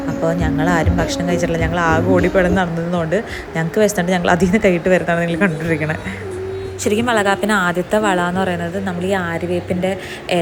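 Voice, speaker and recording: A woman with a Kerala accent giving a chatty vlog narration, mixing English words into Malayalam. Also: lowish voice. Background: loud music.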